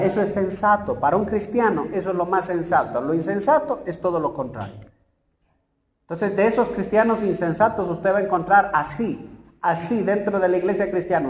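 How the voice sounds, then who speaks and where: A male pastor with an Ecuadorian Spanish accent preaching a sermon, putting questions to the congregation and swinging between loud peaks and quiet asides. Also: fairly high pitch. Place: church. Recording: roomy church echo, slightly dull and noisy.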